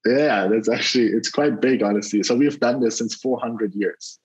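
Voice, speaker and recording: A man, a venture investor chatting as an interview guest, relaxed and rambling with many fillers and restarts. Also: medium pitch, moderate pace, slightly rough. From Germany. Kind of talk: casual interview over a call. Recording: dull lo-fi call audio.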